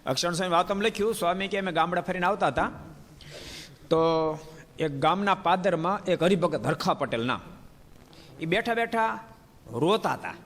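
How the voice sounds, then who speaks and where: A man's voice: sits high, normal speed, pauses often. A man giving a devotional sermon, telling stories and calling on listeners by name. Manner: animated storyteller, addresses listeners by name. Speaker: Swaminarayan religious speaker. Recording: reverberant hall.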